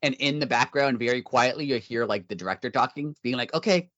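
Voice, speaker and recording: Male co-host, casual chat, animated, dry close audio. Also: mid-range voice, fast, no room sound. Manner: animated, laughs often, ranting. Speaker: podcast co-host. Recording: dry, dull lo-fi sound.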